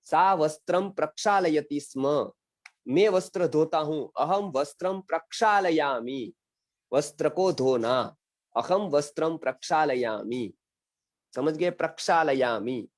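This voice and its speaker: A slightly high, animated male voice, recorded with no echo. He's a middle-aged Indian Sanskrit teacher giving an online grammar class in Hindi over a video call, reciting example sentences slowly and deliberately, patiently repeating phrases and frequently checking that his students follow.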